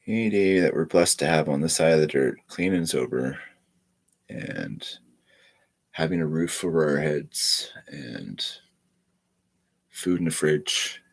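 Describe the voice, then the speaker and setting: A man's voice: a bass voice, vocal fry. A man with a stuffy nose chatting casually on a live stream, rambling and repeating his words.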